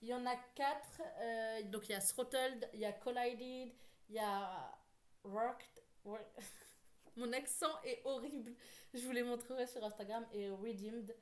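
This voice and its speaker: A woman book vlogger talking casually, rambling with many fillers and quick self-corrections. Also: fairly high pitch. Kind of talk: casual chat.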